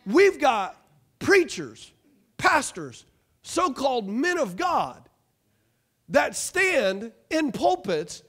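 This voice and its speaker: Male pastor, 30s, very high voice, energetic stage preaching. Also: extremely slow, slightly rough. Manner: animated, call-and-response preaching, pacing the stage. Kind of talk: sermon. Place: church stage, large room.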